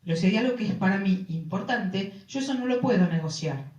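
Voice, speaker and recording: A woman with a Rioplatense Spanish accent speaks to a live audience at a middle pitch and often stops to ask the listeners rhetorical questions. Her voice is picked up from some distance, so it sounds roomy and echoey. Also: expressive, brisk, a little mellow, highs cut off. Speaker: speaker on relationships.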